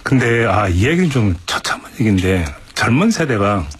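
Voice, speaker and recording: A man's voice: lowish voice, big pitch swings, moderate pace, a little hiss or hum. A man hosting a broadcast talk show, leading the chat with joking interjections. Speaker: host.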